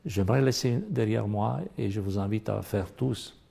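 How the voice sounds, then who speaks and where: A middle-aged Romanian-accented man contributes earnestly to a Bible study, hitting the points he cares about with strong emphasis. His voice is on the low side, dark and mellow with some gravel, at a moderate pace.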